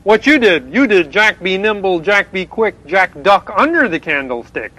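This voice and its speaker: A man's voice: high voice, big pitch swings, normal speed, pushed and bright, full character voice, poor audio. A man voicing a chipper male frog reporter in a puppet TV sketch, patient and explaining, with an announcer's manner. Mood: exasperated.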